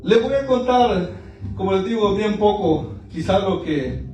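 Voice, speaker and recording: A man with a very high voice preaches a fervent evangelical sermon. He is heard from a distance in a big room with a strong echo. He moves between teaching and emotional personal testimony. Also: expressive, a little slow, dark tone, soft background music. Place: church service in a large room. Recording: very echoey room, voice far from mic.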